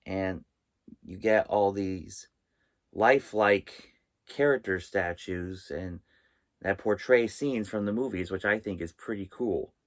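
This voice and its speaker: A man with a low voice hosts his own vlog inside a small trailer. He talks slowly and haltingly, often pausing partway through a sentence as he presents his list. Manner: halting, with pauses mid-sentence. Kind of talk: vlog presenting, tips and top-five countdown.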